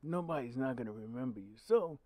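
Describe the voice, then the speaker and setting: Alone on his channel, the host talks in a mid-pitched, growly yet mellow voice, moving briskly with lively intonation. His commentary is forceful and direct, laced with liberal swearing, and recorded close-up and dry with no reverb.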